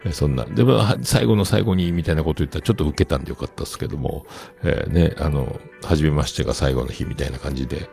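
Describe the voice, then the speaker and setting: Deep gravelly man telling stories. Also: quick pace, few pauses, a little mellow, faint music behind. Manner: chatty, acts out other people's lines in quotes. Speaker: host. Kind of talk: casual storytelling monologue.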